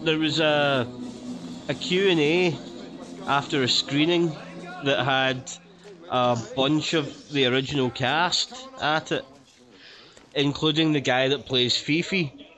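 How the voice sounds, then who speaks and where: A man's voice: a little high, slow pace, pauses often, bright, forceful tone, poor audio. A man from Glasgow with a Glaswegian accent, co-hosting a casual film commentary in a jokey, sweary way. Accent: Glaswegian Scottish. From Glasgow, Scotland.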